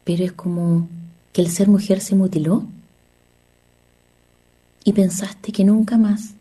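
A woman's voice: medium pitch, fairly even intonation, unhurried, dark tone, breathy edge. A woman therapist giving an earnest motivational talk on relationships, asking her listeners rhetorical questions.

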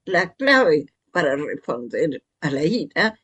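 A husky, breathy voice reading a book aloud at an unhurried, deliberate pace. The host pauses over each phrase and drops in casual remarks between passages. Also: mid-range voice, sing-song, fairly bright tone. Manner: slow, measured reading with casual asides.

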